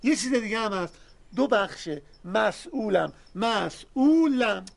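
An actor playing a nosy, suspicious older man who bluntly accuses a young man of lying. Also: very high voice. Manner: bossy, accusing. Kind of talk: TV comedy drama acting.

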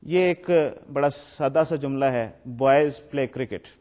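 A man's voice: mid-range voice, darkish tone. A man giving a recorded lecture. He explains step by step, mixes in English technical terms and reads his examples aloud with stress.

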